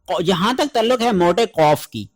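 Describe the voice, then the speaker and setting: A man teaching Quran recitation in an online lesson, explaining letter sounds and then reciting verses in a slow, drawn-out chant. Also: sits high, animated. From Pakistan.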